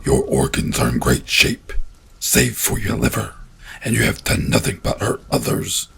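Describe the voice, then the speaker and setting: A man's voice: lowish voice, very animated, moderate pace, creaky, a bit bright, voice pushed up, full character voice. A man voicing a towering, rotting male monster like an evil Santa, who speaks coldly and hisses without mercy in a horror story. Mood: thundering. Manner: cold, hissing, unmoved.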